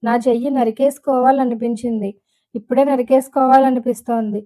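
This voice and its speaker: A woman's voice: on the high side, fairly even intonation, fairly quick, dark tone, close to an everyday voice. A woman reading the lines of a remorseful young husband who pleads earnestly with his wife in an audiobook. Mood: remorseful pleading.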